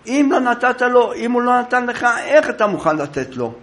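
A man's voice: mid-range voice, roomy sound. Man doing a shrewd, stern old rabbi. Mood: stern rebuke. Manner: calm bargaining, then stern rebuke.

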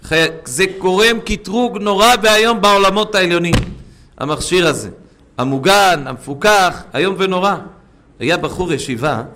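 Preaching with stories, this high-pitched man alternates between loud exhortation and quiet asides, addressing his audience as friends.

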